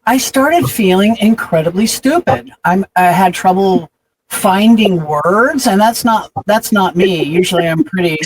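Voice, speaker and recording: A woman's voice: mid-range voice, measured pace, rough recording. A woman hosting a casual chat, speaking hesitantly with many fillers and a self-deprecating tone.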